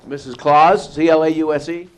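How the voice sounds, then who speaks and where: A man's voice: on the high side, steady tone, moderate pace, clear, resonant tone. A man reading a scripted report as a reporter, in full explanatory sentences.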